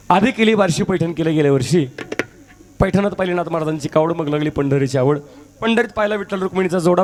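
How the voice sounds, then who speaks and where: A man's voice: on the high side, pitched above the performer's own voice, close to an everyday voice. A man performing a cheeky newly married village bride in folk devotional theatre, reciting rhyming verses in a teasing sing-song manner.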